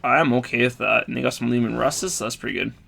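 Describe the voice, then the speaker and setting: Guy rambling casually over a video game, self-deprecating, crackly bright voice. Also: mid-range voice, quick pace, gravelly. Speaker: gamer, video host. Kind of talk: casual let's-play commentary.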